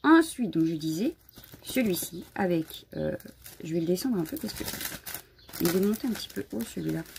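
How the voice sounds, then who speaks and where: A woman's voice: fairly low pitch, animated, normal speed, gravelly, background noise. A woman hosting a casual live crafting stream from home, chatty and a bit scattered, greeting viewers as she shows her supplies. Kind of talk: casual live unboxing chat.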